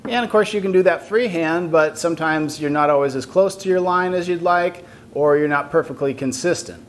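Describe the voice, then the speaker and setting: This friendly shop tutorial comes from a woodworking instructor in his forties, teaching step by step in an indoor wood shop with lumber racks. His voice is on the high side, and he talks briskly.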